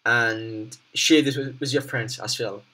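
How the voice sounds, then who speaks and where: A man presenting an unscripted screen tutorial step by step, haltingly, often repeating and rephrasing his instructions. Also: mid-range voice, steady tone, pushed and bright, low-quality recording.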